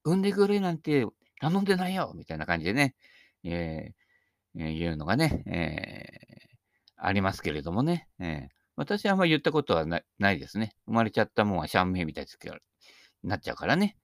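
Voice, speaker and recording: A man's voice: low voice, sing-song, fairly quick, gravelly, a bit bright, no echo, studio quality. An older man missing his front teeth gives a casual, humorous, rambling monologue, chatty and self-deprecating. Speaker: speaker giving talks on Buddhist sayings.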